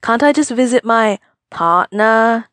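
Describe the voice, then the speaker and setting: A woman voicing a cheerful, teasing young man in a higher, brighter voice than her own. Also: steady tone, moderate pace, no room sound, clean studio sound, lightly acted.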